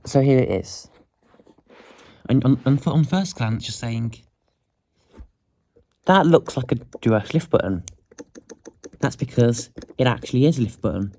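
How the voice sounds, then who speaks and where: A man's voice: mid-range voice, lively intonation, unhurried, long pauses, a little mellow. A man hosting a casual show-and-tell vlog, groggy from just waking up, chatty and often restarting his sentences. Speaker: hobbyist video host.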